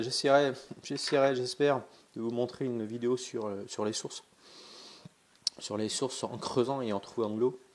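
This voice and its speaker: Nursing a cold, this man runs a pendulum dowsing vlog and shows something off informally, his talk full of hesitations, filler words and false starts. He has a slightly mellow, mid-range voice.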